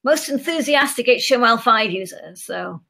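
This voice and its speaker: A woman's voice: fairly high pitch, animated, normal speed, vocal fry, pushed and bright, low-quality recording. A woman hosting a livestream on a video call, upbeat and chatty as she welcomes viewers. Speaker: livestream host.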